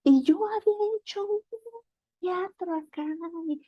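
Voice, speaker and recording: A woman's voice: extremely high pitch, measured pace, mellow, no room sound, lo-fi sound. A woman telling a church group about her own life in a chatty way, with lots of fillers and acted-out bits of dialogue. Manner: conversational, with many fillers and laughs, acting out dialogue. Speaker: speaker at a church meeting. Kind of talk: personal testimony talk.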